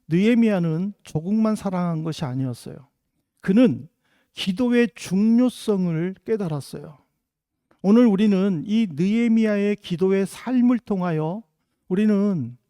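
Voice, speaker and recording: A man's voice: sits high, dark tone, clean tone, no echo, clean studio sound. A middle-aged man from South Korea, a pastor giving a sermon with earnest storytelling and rhetorical questions. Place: church in Germany.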